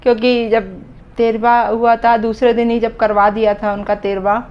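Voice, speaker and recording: A woman in her thirties vlogging about a loss, talking slowly and heavy-heartedly, her voice dropping low at times. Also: level tone, smooth, lo-fi sound. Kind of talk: emotional personal vlog talk.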